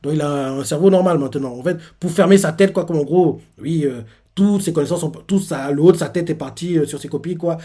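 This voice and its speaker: A man's voice: fairly high pitch, brisk, warm tone, slightly rough. A man hosting a casual live manga reaction, rambling through the chapter with lots of fillers and restarts.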